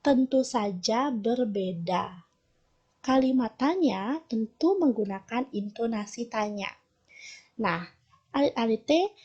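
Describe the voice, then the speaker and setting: A woman with a Balinese accent teaching children a language lesson, explaining slowly and patiently. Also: fairly high pitch, mellow, breathy edge. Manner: slow, patient explaining to children, shifting between Balinese and Indonesian. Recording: dull lo-fi recording.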